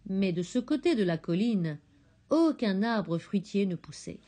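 A woman reads a children's tale aloud in a gentle storybook manner. Her pitch moves in a lively way, and her tone is mellow and soft. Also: unhurried. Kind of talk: storybook narration.

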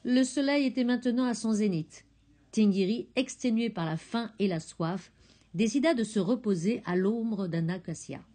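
A woman narrating a children's storybook, expressive and gentle. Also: a little high, moderate pace.

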